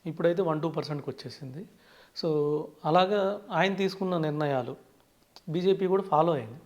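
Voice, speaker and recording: Speaking a little fast, this Telugu-accented man has a slightly high, somewhat mellow voice, and the recording's highs are cut off. In an interview as a finance expert, he mixes English terms into his explanations and often begins sentences with "so".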